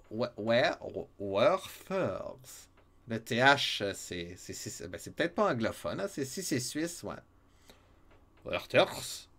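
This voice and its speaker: A man with a Québécois French accent giving casual, playful gameplay commentary as a streamer, teasing his viewers and chuckling often. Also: medium pitch. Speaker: let's-play streamer.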